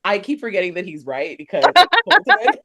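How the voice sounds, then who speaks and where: A woman's voice: medium pitch, a little fast. A woman co-hosting a podcast, chatting casually and animatedly about a reality show, laughing and acting out what people said. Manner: animated, laughs often, acts out quotes. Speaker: podcast co-host. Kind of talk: casual chat reviewing reality TV.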